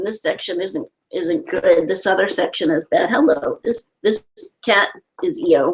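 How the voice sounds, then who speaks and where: A woman's voice: mid-range voice, low-quality recording. Earnest woman explaining step by step. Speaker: host. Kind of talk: explanatory talk. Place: home.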